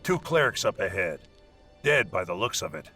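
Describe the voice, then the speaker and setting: A man's voice: deep voice, very animated, moderate pace, bright, forceful tone, soft background music, full character voice. A man playing a hostile, bossy warrior leading a scouting mission in a video game, curt and scornful. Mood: brusque, businesslike. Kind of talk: video game dialogue acting.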